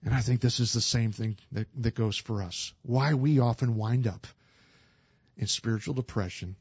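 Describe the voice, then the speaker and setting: A man's voice: mid-range voice, normal speed, a little mellow, breathy edge, no echo. A man preaching a sermon as a pastor, earnest and emphatic, often restarting his words. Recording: slightly dull, dry recording.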